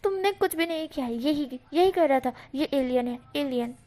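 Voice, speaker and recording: A woman doing a jealous young man yelling. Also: high-pitched, moderate pace, close to an everyday voice. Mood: accusing. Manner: yelling, repeating words in anger. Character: furious jealous young man, shouting insults.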